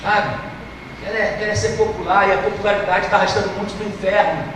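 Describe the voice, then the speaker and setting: A Brazilian man preaching a sermon in church, moving from hushed storytelling to impassioned shouting. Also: sits high, fairly even intonation, fairly quick. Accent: Brazilian Portuguese. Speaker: pastor. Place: church service. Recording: echoey hall from far off, noisy.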